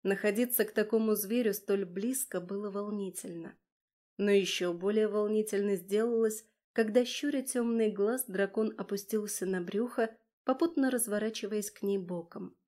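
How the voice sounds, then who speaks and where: Female audiobook narrator, steady storytelling, warm mellow tone. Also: medium pitch, moderate pace. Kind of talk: scripted narration.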